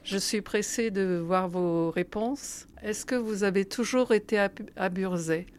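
An older woman recounting memories slowly and gently, pausing with small fillers. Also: medium pitch, a little hiss or hum. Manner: gentle, unhurried, with pauses and fillers. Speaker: interviewee. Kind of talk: storytelling reminiscence.

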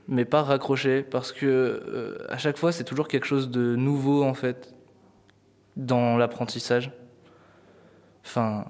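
A man answers an interview question hesitantly, circling for the right words at a middle pitch. A long reverb trails after his voice.

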